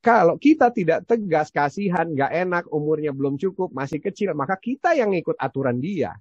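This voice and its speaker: A man who teaches parenting, giving advice in a casual, animated way and acting out what he says to his own child. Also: a little high, brisk, no room sound. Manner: animated storyteller, acts out his own stern lines to his child. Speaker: parenting educator answering a question. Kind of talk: conversational advice talk. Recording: dull, lo-fi sound.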